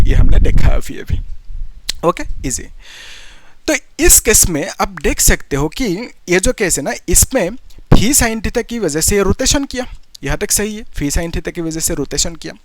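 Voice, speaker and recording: Lively high-voiced male physics teacher. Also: dry recording. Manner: explains step by step, keeps asking students questions and checking with "ठीक है". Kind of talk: whiteboard physics lesson.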